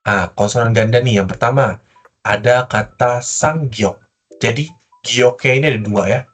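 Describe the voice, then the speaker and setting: Husky-voiced man teaching pronunciation. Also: mid-range voice, soft background music. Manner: patient, demonstrates sounds slowly, casual fillers. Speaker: Korean language teacher. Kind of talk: online language lesson.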